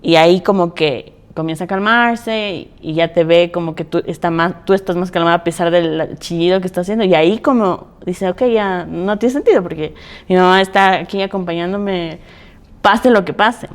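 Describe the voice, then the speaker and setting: A woman's voice: on the low side, normal speed. A woman in her thirties hosting a parenting podcast, talking animatedly and laughing often. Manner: animated, laughs often, acts out quoted voices. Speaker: podcast host. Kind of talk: casual conversation.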